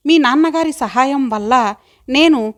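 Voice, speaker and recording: A woman's voice: high voice, a little slow. A woman voicing an earnest young village woman who longs to study, speaking in a heartfelt, pleading way.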